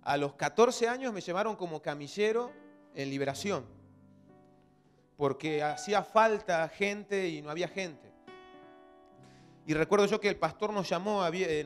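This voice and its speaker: A man in his thirties, a pastor from Argentina with an Argentine accent, preaching a fervent sermon that swings between loud exhortation and quiet storytelling. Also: high-pitched. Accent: Argentine Spanish. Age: 30s.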